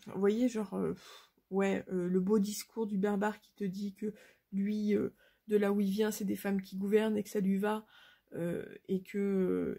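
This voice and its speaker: A woman's voice: medium pitch, gravelly, dark tone, breathy edge. A woman vlogger talking casually about a book to her viewers, frank, with many fillers and restarts. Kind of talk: casual book review to camera.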